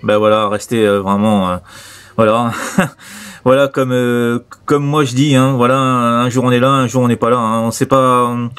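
This man's medium-pitched voice is clear, resonant, and a bit bright, with a steady tone and moderate pace. He speaks with a French accent from France, chatting casually on the radio while rambling, hesitating, repeating himself, and peppering his speech with tag words.

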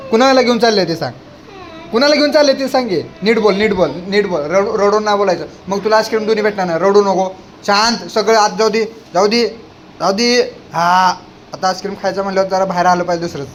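A man with a high, light voice talks in a casual family vlog, teasing and playfully scolding. He slips into fake whining now and then. A faint hum of noise sits under his voice. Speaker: vlogger, father.

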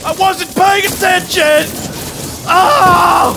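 A man puts on a bossy drill sergeant for game role-play, pitched extremely high and strained. He barks orders and swears freely over loud battle noise. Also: fairly even intonation, drawn-out words, gravelly, full character voice. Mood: frantic, barking.

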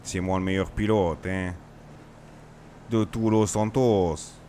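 A man's voice: deep voice, fairly even intonation, slow pace, mellow, a little hiss or hum. A streamer playing a touchy, grumbling man in an improvised role-play, tagging a questioning word onto nearly every phrase. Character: touchy, grumbling man who feels picked on.

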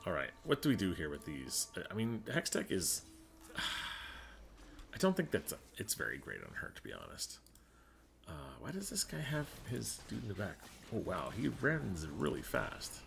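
A man's voice: on the low side, wildly swooping pitch, measured pace, gravelly, fairly bright tone, faint music behind. A man giving casual commentary while he plays a game, thinking aloud and muttering to himself. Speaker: gaming streamer.

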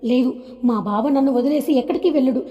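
A woman's voice: high-pitched, a little fast, warm tone, long reverb tail, muffled recording, lightly acted. A woman voicing a tearful young woman who pleads and sobs in a storybook audio drama. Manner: pleading, sobbing speech. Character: tearful young woman, devoted to her cousin.

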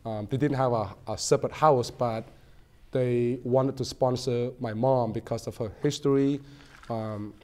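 Man, forties, dark mellow tone, earnest, measured, studio interview guest, lapel mic. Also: mid-range voice, steady tone. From Cambodia. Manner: earnest, measured, many ums and uhs. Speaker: guest, political candidate. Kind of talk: studio interview, personal story. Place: small TV studio set.

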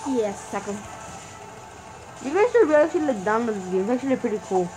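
A young-sounding female-pitched gamer giving casual, excitable gameplay commentary, with difficulty saying R sounds. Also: brisk, low-quality recording. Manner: excitable, exclaims and mutters to self. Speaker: gaming video maker. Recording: game music behind the voice. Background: game music.

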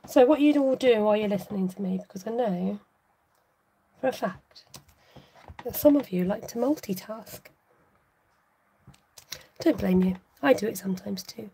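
A woman's voice: medium pitch, moderate pace, gravelly, pauses often, mellow, slight background noise. A woman hosting a live craft tutorial, chatting casually to her viewers while she works.

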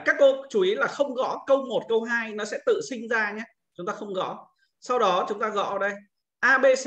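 High, bright-voiced man walking through steps. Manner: patient step-by-step explaining. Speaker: teacher trainer. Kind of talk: screen-recorded software tutorial.

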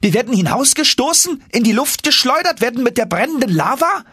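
A man voicing an anxious, excitable young man who asks in high, alarmed bursts. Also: fairly quick, breathy edge, dry recording, studio quality, exaggerated voice. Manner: high, alarmed, pressing questions.

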